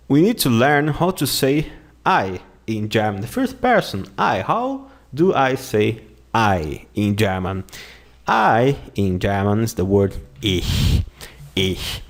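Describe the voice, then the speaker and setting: Man, language teacher, first language Portuguese, slow unhurried delivery, patient explanations, repetition drills. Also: medium pitch. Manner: slow, patient, repeats words for pronunciation drills. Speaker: German teacher. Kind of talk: online language lesson.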